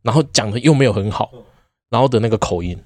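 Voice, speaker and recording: A man's voice: on the low side, quick pace, no echo. A man co-hosting a casual podcast, curious and teasing as he fires questions at his guest. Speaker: podcast co-host.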